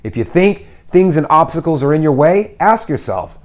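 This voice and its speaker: A man in his forties hosting a casual livestream, giving encouraging advice in an animated way. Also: fairly high pitch, moderate pace. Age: 40s. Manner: animated, encouraging, acts out little voices. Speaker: host. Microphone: phone livestream.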